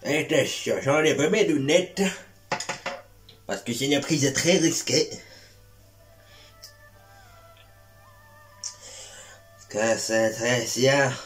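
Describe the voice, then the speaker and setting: A man's voice: medium pitch, slow pace, soft background music, close to an everyday voice. A man playing a boastful self-styled martial arts master in a comedy sketch, with a put-on Québécois French accent and a worn-out voice. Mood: mock-solemn. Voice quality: swaggering, insulting, mock-solemn.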